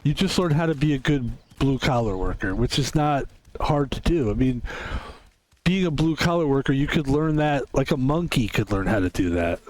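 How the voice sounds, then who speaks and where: A man in his fifties, expressive and medium-pitched, talks at an ordinary speed while playing a game on stream. It's relaxed chatter, meandering and thoughtful, with frequent self-corrections as he thinks aloud.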